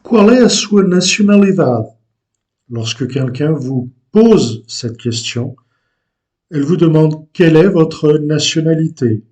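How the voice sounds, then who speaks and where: Guy teaching a language lesson, slow and halting, dark mellow voice, kinda high for a man. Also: lively intonation. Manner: slow and deliberate, with frequent hesitations.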